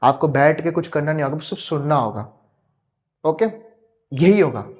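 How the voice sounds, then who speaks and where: A man's voice: fairly high pitch, moderate pace, a little mellow. A young man giving an earnest spoken lecture, asking rhetorical questions over and over and mixing in English words. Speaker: youtube teacher.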